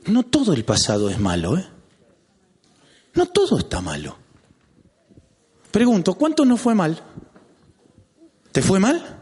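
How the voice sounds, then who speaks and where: Rioplatense pastor guy preaching, high voice that jumps all over, long echo in a big church. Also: unhurried, pauses often, husky. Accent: Rioplatense Spanish. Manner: animated, calls out to the congregation, jokes. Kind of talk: lively preaching sermon with jokes. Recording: long hall reverb.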